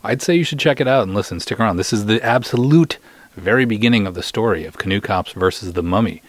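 There's no room sound around this fairly low, fast-talking middle-aged man. As a podcast host, he interviews his guest lightly, in a relaxed, teasing, playful style.

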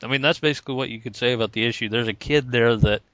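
A man's voice: mid-range voice, racing, a bit bright, no echo. Laid-back man in casual chat. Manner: hesitant, laid-back, many ums. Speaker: comic book podcast co-host.

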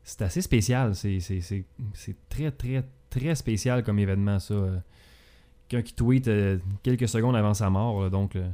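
A man's voice: fairly low pitch, moderate pace, dark tone. A man with a Québécois accent hosting a casual talk show, hesitant and full of filler sounds. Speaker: podcast host. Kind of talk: casual chat.

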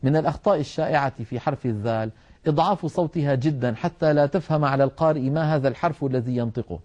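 A middle-aged man teaching Quran recitation in a televised lesson, explaining deliberately and demonstrating how letters should sound. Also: mid-range voice, darkish tone, highs cut off.

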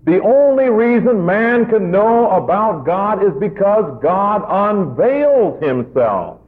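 A man preaching a sermon, teaching slowly and emphatically and drawing out his stressed words. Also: on the high side. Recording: tinny phone-like old recording.

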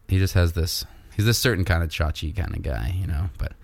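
A man's voice: sits low, a little fast, creaky, dry recording. A man co-hosting a podcast, chatting casually in a laid-back, jokey, rambling way. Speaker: podcast co-host. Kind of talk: casual chat. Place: Canada.

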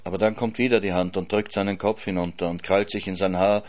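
A man giving a literary reading, sober and measured, with dry ironic asides. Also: sits low, steady tone. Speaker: reader.

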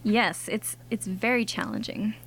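A woman co-hosting a science radio show in a studio, explaining things conversationally in a bright, curious manner. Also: medium pitch, very animated, a little slow, creaky, breathy edge, rough recording. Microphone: studio microphone.

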